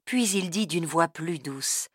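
A woman narrating a children's story in a calm, even storybook manner. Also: fairly low pitch, unhurried, dry recording, clean studio sound.

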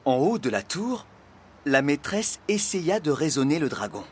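A man reading a children's story aloud with expressive, deliberate delivery. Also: fairly high pitch, slightly rough.

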